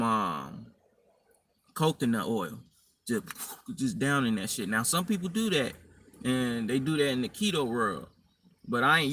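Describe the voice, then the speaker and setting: A man's voice: medium pitch, bright, forceful tone. A man giving blunt, profane, rambling advice in casual slang, talking directly to his viewers. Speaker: dating and fitness vlogger. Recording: distant mic with faint room noise.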